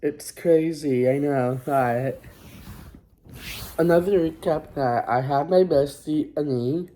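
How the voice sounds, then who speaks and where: Slow, halting, very dark-voiced teenage student vlogger. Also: mid-range voice, slight background noise. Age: teens. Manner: halting, rambling, apologetic. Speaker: high school student vlogger. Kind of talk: casual recap vlog to camera. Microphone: phone.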